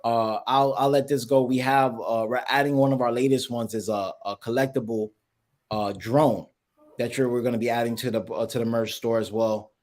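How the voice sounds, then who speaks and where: A man answering interview questions over a video call that breaks up now and then. He talks casually and haltingly, with frequent fillers and restarted phrases. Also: mid-range voice, steady tone, darkish tone. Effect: video call audio with dropouts. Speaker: guest, founder of a collectibles project.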